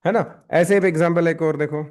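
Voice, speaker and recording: Male teacher, high voice, classroom lecture, keeps quizzing students. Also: fairly even intonation, normal speed, a little mellow. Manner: questioning, coaxing students. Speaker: spoken English teacher.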